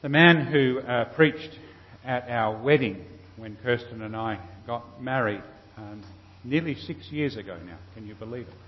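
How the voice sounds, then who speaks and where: A man with an Australian accent preaching a sermon with storytelling, unhurried, pausing between short phrases. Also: medium pitch. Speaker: Lutheran preacher. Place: large reverberant church. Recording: long cathedral-like reverb, slightly dull sound.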